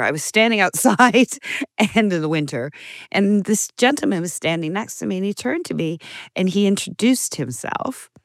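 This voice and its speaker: A woman guest on a podcast telling stories in a relaxed way, laughing often and acting out the people she quotes. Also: fairly low pitch, no echo. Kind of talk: conversational storytelling.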